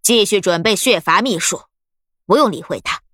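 A woman voicing a cold, menacing old woman sorcerer who speaks slowly and threateningly. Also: deep voice, no room sound, studio quality, pitched below the performer's own voice. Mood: scornful. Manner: slow, icy, threatening.

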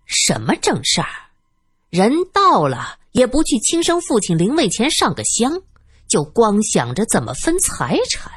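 A woman voicing a sharp-tongued old great-aunt who speaks coldly, sneering and hinting at more than she says, in a dry audiobook recording. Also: lowish voice, sing-song, measured pace, slightly rough, no echo, exaggerated voice. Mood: scornful. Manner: cold, sneering, insinuating.

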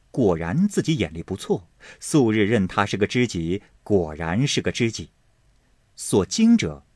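A man narrating a classical novel as an audiobook host, with expressive, measured storytelling. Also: medium pitch, slightly rough, no room sound, clean studio sound.

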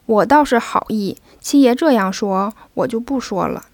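A woman's voice: fairly high pitch, lively intonation, normal speed, a little mellow, dry recording. A woman voicing a sly, joking male servant who banters with his young master, in a storybook reading. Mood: bantering. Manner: cheeky, bantering.

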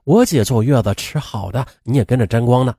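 A man's voice: medium pitch, fairly quick, dark tone, slightly rough, no room sound, studio quality. A man voicing a dismissive young woman who mocks and snaps at the nanny. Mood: mocking. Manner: mocking, dismissive. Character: sharp-tongued young woman, the employer's sister.

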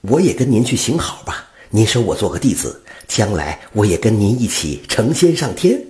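A man's voice: on the low side, sing-song, moderate pace, mellow. A man doing an earnest young butcher. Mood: curious. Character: kind-hearted young male butcher, earnest and pleading.

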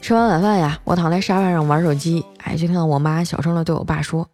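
A woman's voice: low voice, fast, darkish tone, soft background music. Chatty young woman telling comic stories. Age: young adult. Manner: chatty, many filler particles. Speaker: comedy storyteller. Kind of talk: comic story narration.

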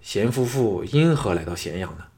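Male reader as weary young hero, guarded, low and subdued, storybook lead. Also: lively intonation, moderate pace, darkish tone.

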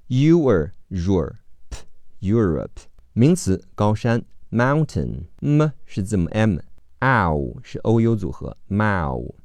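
Slow, low-voiced male phonics teacher. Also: darkish tone, no echo. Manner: spells out letters and sounds, repeats each word. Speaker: English teacher. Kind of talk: slow phonics word drill.

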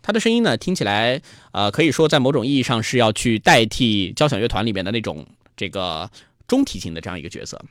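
A man's voice: on the low side, very animated, fast talker, a bit bright. A man hosting a live-streamed music talk show, explaining in a chatty way with fillers and restarts. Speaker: host.

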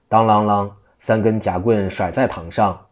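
A man narrating a traditional tale in a lively, vivid storytelling style, doing all the voices. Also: on the low side, moderate pace.

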